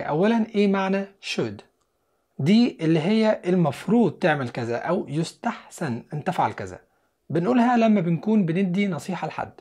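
Lively Egyptian teacher explaining English. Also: mid-range voice. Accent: Egyptian Arabic. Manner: explains in Egyptian Arabic, then says English words and sentences slowly and clearly. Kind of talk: language lesson for beginners.

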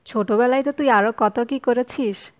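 A woman voicing a quiet, tired young university man who answers softly and teases a little. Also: fairly high pitch, normal speed, natural voice.

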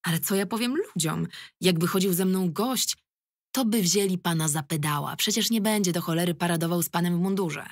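A woman's voice: on the low side, brisk, no room sound, clean studio sound. A woman voicing a nervous, cocky young male celebrity actor who complains crudely and defensively. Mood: nervous, indignant.

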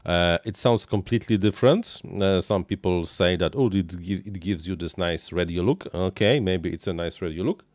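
Building a model plane on stream at his home workbench, a nasal-voiced man in his thirties improvises his chat haltingly, full of uhs, restarts and non-native phrasing. His voice sits low, with no echo, caught by a close dynamic mic on a boom arm while he wears headphones in the small indoor workshop.

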